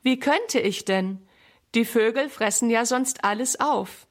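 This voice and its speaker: A woman's voice: on the high side, a little slow, close to an everyday voice. A woman voicing an eager, earnest little boy in a children's storybook reading. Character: excited little boy Sammy guarding strawberries.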